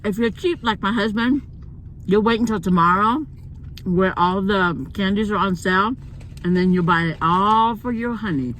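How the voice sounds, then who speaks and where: A woman's voice: medium pitch, normal speed, fairly bright tone. A woman food vlogger talking casually to her viewers while eating, chewing as she speaks and savoring with mm sounds. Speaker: food vlogger hosting a mukbang. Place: inside a parked car in a parking lot at night. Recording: noisy car interior ambience.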